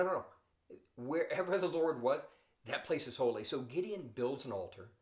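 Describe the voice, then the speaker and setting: A man's voice: fairly high pitch, roomy sound. A man hosting a podcast, preaching a sermon with earnest storytelling. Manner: earnest storytelling, quoting scripture figures.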